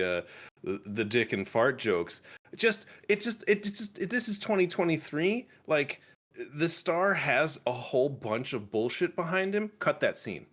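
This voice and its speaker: A man reviewing a movie in casual chat on a livestream, rambling with lots of restarts and sudden animated outbursts. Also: mid-range voice.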